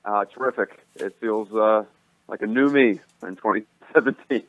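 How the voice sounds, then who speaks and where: Phoning in as a sports reporter, a man gives steady, detailed commentary at a moderate pace. His voice sits on the low side, and the phone line sounds tinny but carries no echo.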